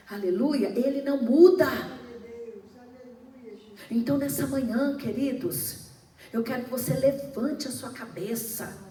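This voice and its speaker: Slow fervent Brazilian woman preaching. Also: fairly high pitch, a little mellow, slight background noise. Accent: Brazilian Portuguese. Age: middle-aged. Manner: fervent preaching, calling out to the congregation with frequent hallelujahs. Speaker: pastor. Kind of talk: sermon. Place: church. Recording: echoey room, mic at a distance, faint ambience.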